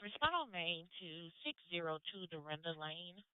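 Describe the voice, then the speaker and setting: A woman's voice: fairly low pitch, sing-song, normal speed, smooth, dry recording. A woman dispatching medical units over radio in a formal, procedural way. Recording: narrow-band two-way radio.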